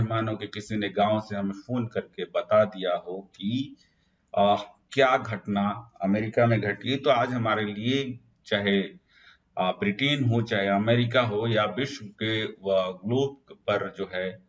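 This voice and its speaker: A man's voice: fairly low pitch, dull audio. A man explaining a university syllabus in an unscripted lecture, listing points with frequent filler sounds. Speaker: teacher of a Hindi course channel. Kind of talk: spoken lecture for university students.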